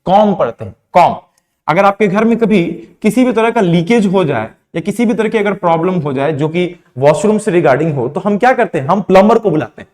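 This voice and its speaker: A young man from India gives a classroom lesson on pronunciation. His voice sits high and moves a lot as he quizzes his listeners and answers for them. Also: animated, fast, few pauses, darkish tone. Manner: asks questions then answers them himself, mixing Hindi and English. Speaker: teacher.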